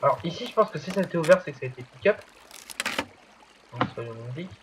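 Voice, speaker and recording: A man's voice: fairly high pitch, animated, fast, noisy background. A man chatting casually while playing a video game, joking and rambling with fillers. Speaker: gamer. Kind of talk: casual gaming chat.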